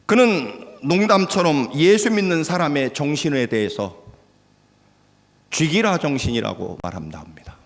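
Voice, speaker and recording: A male pastor preaching a sermon, swinging between loud exhortation and hushed, quiet passages. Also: medium pitch. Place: church sanctuary. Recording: long hall reverb.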